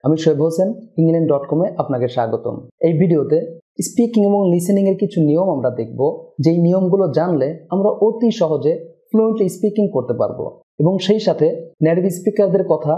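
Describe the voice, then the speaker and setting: A man teaching English pronunciation in a scripted lesson. He addresses viewers directly and drills example words slowly and deliberately. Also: on the high side, lively intonation, mellow, rough recording. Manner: addresses listeners directly with a repeated greeting.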